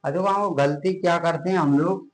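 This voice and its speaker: This is a chemistry lesson delivered at a board by a man whose somewhat high voice bounces around an empty room. He speaks at a normal speed, hammering home points by asking questions and answering them, lingering on every key term.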